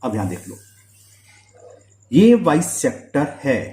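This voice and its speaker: A man's voice: medium pitch, big pitch swings, a little mellow, echoey room. A man teaching a school maths lesson at the board, often stopping to ask if students follow. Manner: checks understanding often with quick questions.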